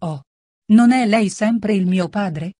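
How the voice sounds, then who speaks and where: A woman's voice: medium pitch, takes it slowly, dark tone, no room sound, clean studio sound. A woman reading an audiobook, voicing a young, humble peasant woman who speaks timidly and earnestly.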